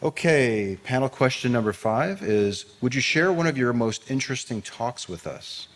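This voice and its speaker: A man moderating a panel, briskly reading out questions. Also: medium pitch, animated.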